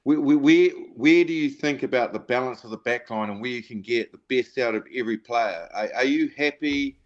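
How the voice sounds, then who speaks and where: A man's voice: medium pitch, fairly quick. New man, slightly muffled, interviewing. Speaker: rugby show panellist. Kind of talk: casual sports interview.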